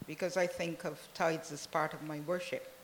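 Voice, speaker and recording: A woman from Barbados, a church member, giving a soft, unhurried testimony in an interview. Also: sits low, steady tone, in a large hall, a little hiss or hum. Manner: soft-spoken, unhurried, many "really"s.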